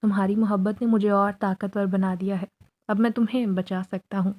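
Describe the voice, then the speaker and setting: A woman's voice: medium pitch, little pitch movement, a little mellow, natural voice. A woman voicing a young male jinn who pleads his love in a spoken horror story. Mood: earnest.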